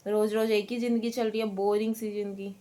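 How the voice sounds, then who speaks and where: A young woman chatting casually to her viewers in a daily-life vlog, relaxed and talkative. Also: mid-range voice, fast. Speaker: vlogger.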